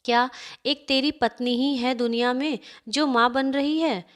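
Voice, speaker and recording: A woman's voice: sits high, steady tone, unhurried, fairly bright tone. A woman voicing an older mother-in-law who wails and reproaches her son in a family story. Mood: bitter. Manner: wailing, reproachful.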